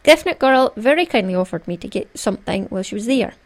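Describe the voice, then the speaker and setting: A woman with a Scottish accent hosts a chatty craft podcast. Her voice sits at a middling pitch with noticeable creak. She talks in a playful, jokey, conversational way, as if straight to her listeners. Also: animated, fast talker. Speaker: podcast host.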